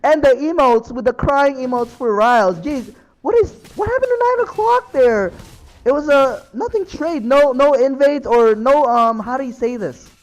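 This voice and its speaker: A young man giving rambling, excitable play-by-play commentary on a mobile esports match, with frequent ums and self-corrections. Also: very high-pitched, normal speed, few pauses. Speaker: esports caster.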